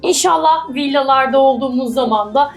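Brief: high-pitched woman, teasing cooking-vlog co-host, clear music underneath. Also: a little fast. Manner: playful and teasing, laughs often. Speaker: co-host of a couple's cooking channel. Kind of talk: casual cooking vlog chat. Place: home kitchen.

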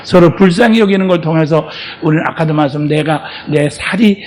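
An older male pastor preaching with a notably high voice. He swings from shouted exhortations to hushed asides, constantly checking in with his listeners. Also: a little fast, slight background noise. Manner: keeps prodding the listeners with rhetorical questions. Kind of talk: sermon.

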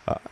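A man in his thirties from France, streaming a football game and bantering with his chat in slangy, joking asides. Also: background noise. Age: 30s. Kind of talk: casual gaming stream chat.

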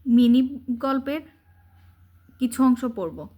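A woman reads a story aloud as a lesson, stopping to spell out words letter by letter. She talks in an unhurried, careful way. Her voice sits a little high. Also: mellow. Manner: slow, careful, explaining word by word. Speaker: teacher. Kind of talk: reading lesson with spelling breakdowns.

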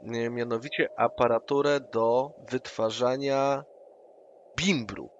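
Speaking slowly in a mid-range voice, a man stays in character during an online tabletop session, scheming and trying to persuade. The sound comes through as muffled, noisy call audio.

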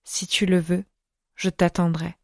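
A passionate knight, as a woman reader puts him on, hushed and husky. The voice stays low and intimate in a dry, close recording. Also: steady tone, unhurried, no echo, lightly acted. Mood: tender.

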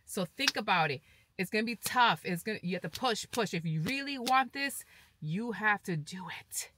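A woman's voice: medium pitch, expressive, moderate pace, background noise. A woman, chatting casually and upbeat in a fitness vlog, motivating viewers and repeating herself often. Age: 40s. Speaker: fitness vlogger. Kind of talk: casual vlog chat to camera.

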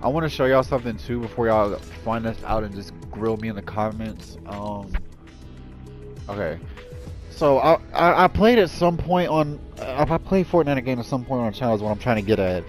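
A man's voice: expressive, normal speed, faint music behind. A man hosting a gaming channel, giving anxious, jittery commentary on his own gameplay and talking straight to his viewers. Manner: jittery, anxious self-talk addressed to viewers; breaks into high panicked yelling when in danger.

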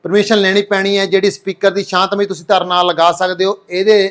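Level-voiced Punjabi reporter. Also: male voice, high voice, little pitch movement, fast talker, a bit bright. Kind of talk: news report.

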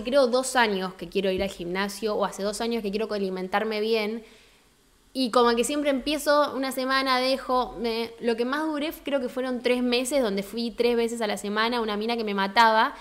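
Young Argentine woman, live-stream host: chatty, slangy, frank, and pitched a little high. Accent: Argentine Rioplatense Spanish. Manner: chatty, greets viewers warmly, frank and slangy. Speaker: livestream host. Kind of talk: casual live-stream chat.

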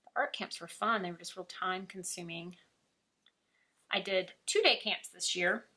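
An art teacher from Alabama talks in easy, chatty fashion, with a mild Southern accent. The woman's voice is bright and forward, and she breaks into laughter often as she talks. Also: fairly low pitch, moderate pace. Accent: Southern American. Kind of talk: casual chat while painting.

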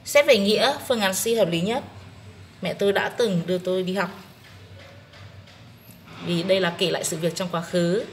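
A woman English teacher with a Vietnamese accent, calmly working through an exam-prep test one question at a time. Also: lowish voice, a little hiss or hum. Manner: slow, methodical explaining. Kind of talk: exam-prep lesson walkthrough.

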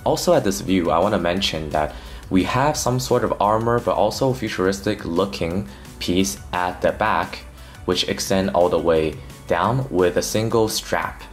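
A man's voice: sits low, a little slow, soft background music. A man narrating a toy unboxing review as host of his channel, earnest with light jokes.

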